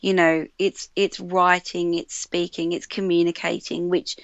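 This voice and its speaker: A woman with an Australian accent, a radio producer talking casually in an interview, animated and full of fillers and restarts. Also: fairly low pitch, unhurried, no room sound. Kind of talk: conversational interview. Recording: dull lo-fi sound, dry.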